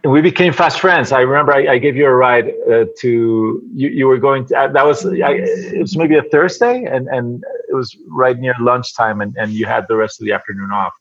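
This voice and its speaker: Speaking English though his first language is Spanish, a man from Venezuela appears as a podcast guest; he works as an advertising creative. The casual interview finds him halting, repeating words often and giving soft laughs, his mid-range voice heard with the highs cut off.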